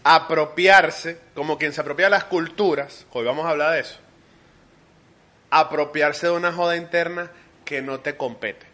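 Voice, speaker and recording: High, bright Caracas man on a podcast. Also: steady tone, moderate pace. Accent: Caracas Venezuelan Spanish. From Caracas, Venezuela. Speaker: podcast co-host. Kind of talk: casual chat.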